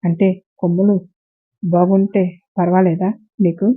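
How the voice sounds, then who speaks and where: A woman voicing a kind young husband who teases gently. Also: lowish voice, little pitch movement, measured pace, slightly rough. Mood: teasing. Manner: gently teasing. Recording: tinny phone-like sound.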